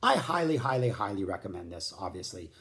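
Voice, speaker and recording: A man's voice: fairly low pitch, sing-song, a little fast, fairly bright tone. A man giving a casual spoken album review, rambling and enthusiastic, with lots of "like" fillers, scatting riffs aloud and mentioning he feels hot. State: feeling hot. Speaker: music vlogger reviewing albums.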